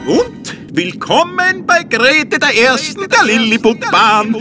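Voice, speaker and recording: A man voicing a cheerful fairground jester with a high, shrill market-crier manner. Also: very animated, quick pace. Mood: exuberant. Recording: music playing under the voice.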